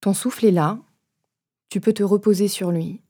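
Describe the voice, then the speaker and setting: A woman leading a guided meditation, giving gentle, unhurried instructions in a soft voice with pauses between phrases. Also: medium pitch, steady tone, breathy edge.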